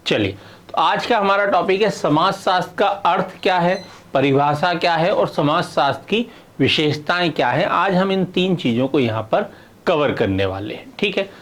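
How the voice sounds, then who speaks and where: A man's voice: high voice, animated, normal speed, fairly bright tone. A middle-aged man teaching sociology in a video lecture, explaining step by step and checking often that students follow. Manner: explains with repeated checks like "है ना" and "clear है".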